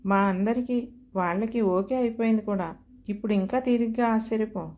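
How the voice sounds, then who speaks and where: Woman narrator playing a blunt teasing older brother, offhand, warm tone, everyday voice. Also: medium pitch, normal speed, a little hiss or hum, lightly acted.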